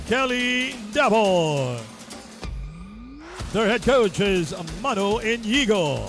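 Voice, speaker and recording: A man announcing team line-ups in an arena like a fight announcer, stretching out names in a showy way. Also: high voice. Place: sports arena public address.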